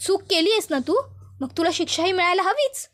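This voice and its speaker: A woman's voice: very high voice, expressive, a little fast, a bit bright, pitched above the performer's own voice. A woman voicing a cruel, scheming young woman who gives cold, mocking commands while retelling a story.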